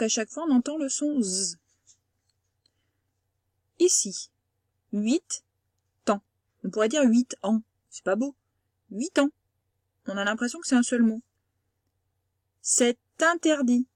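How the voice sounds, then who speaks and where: Une femme institutrice à l'français qui fait une leçon à distance pour de jeunes élèves, patiente, répétant et détachant les mots. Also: female voice, on the high side, dry recording, studio quality. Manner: patient, explains slowly and repeats words. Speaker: primary school teacher. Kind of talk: remote lesson for young pupils.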